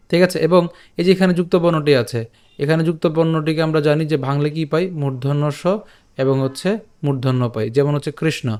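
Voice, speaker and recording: A man with a Bengali accent teaching pronunciation, breaking words into syllables and repeating them slowly, asking and answering his own questions. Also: on the high side, a little mellow. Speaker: Sanskrit recitation teacher. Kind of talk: patient pronunciation lesson.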